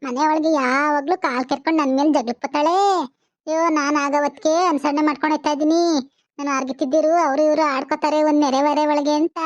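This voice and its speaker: Cartoon granny, old and quarrelsome, wails and grumbles, voice still high as a woman plays her. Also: no room sound, muffled recording, close to an everyday voice. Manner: complaining, wailing, scolding. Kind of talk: animated cartoon voice acting.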